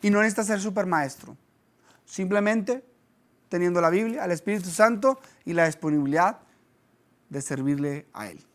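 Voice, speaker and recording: A man preaches a teaching sermon. He talks to his listeners directly and conversationally, and he becomes animated when he tells stories. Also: high-pitched, moderate pace. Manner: conversational, with lively storytelling. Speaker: pastor.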